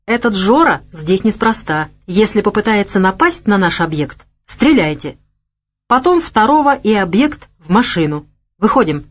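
A woman's voice: mid-range voice, very animated, normal speed. A woman reading as a blunt ex-con henchman. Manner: blunt slangy talk. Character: streetwise male ex-convict henchman, blunt.

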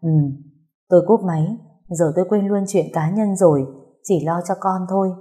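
A woman's voice: lowish voice, steady tone, fairly quick, warm tone. A woman reading a first-person story aloud, earnest and emotional. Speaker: story narrator. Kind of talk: first-person audiobook narration.

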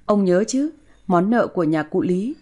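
A woman storyteller reading a sad village tale in a steady, plaintive way. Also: on the low side, moderate pace. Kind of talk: scripted narration of a folk tale.

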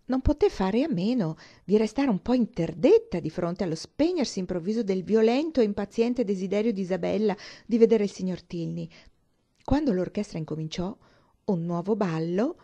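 Woman audiobook reader, expressive, lively, mellow. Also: mid-range voice, muffled recording. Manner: expressive storytelling. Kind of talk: audiobook reading of a classic novel.

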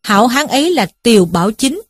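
Woman doing a burly young guy caught as a thief, whiny high pleading, dry sound. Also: very animated, brisk, breathy edge, no echo. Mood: earnest.

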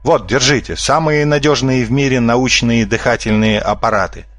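A man's voice: medium pitch, moderate pace, dry recording, close to an everyday voice. A man voicing a sly red-haired male fox swindler who talks in a brash, bossy way. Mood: smug. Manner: brash, bossy, smooth-talking.

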